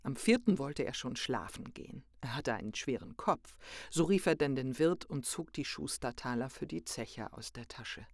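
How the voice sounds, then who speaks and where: A storyteller reading a children's tale aloud in a lively, expressive manner. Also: medium pitch, moderate pace, hardly any pauses, no room sound, clean studio sound.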